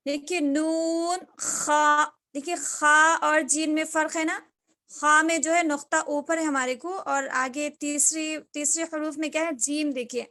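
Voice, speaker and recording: A woman's voice: high-pitched, sharp tone. A woman teaching a reading lesson, patiently modeling and correcting each letter sound.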